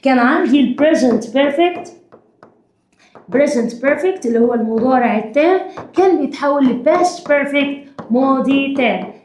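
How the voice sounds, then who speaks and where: A high-pitched woman with an Egyptian accent teaches a grammar lesson. She dictates word by word and keeps checking whether her students are following. Her voice rings around an echoey room. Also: lively intonation, unhurried, a little mellow, a little hiss or hum. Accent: Egyptian Arabic. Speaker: English teacher.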